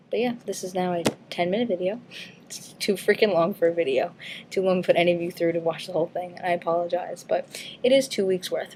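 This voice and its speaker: A woman vlogger talks through her week in a loose, rambling way. She is frank and casual, with plenty of ums and likes and the odd swear word. Her voice sits a little on the low side. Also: background noise. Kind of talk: casual weight-loss update vlog.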